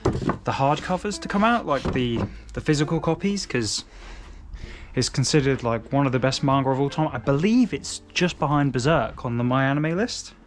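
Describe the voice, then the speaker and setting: A young English man chatting casually at home as he organises his manga shelves, relaxed and rambling with frequent restarts. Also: medium pitch, normal speed. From England. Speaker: manga collector vlogger. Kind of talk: casual chat.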